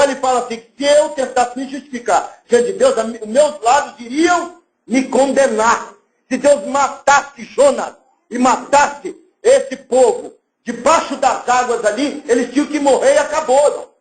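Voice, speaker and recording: Male Brazilian pastor, high lively voice, roomy church sound. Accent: Brazilian Portuguese. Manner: lively preaching, acts out little scenes and voices. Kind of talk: sermon.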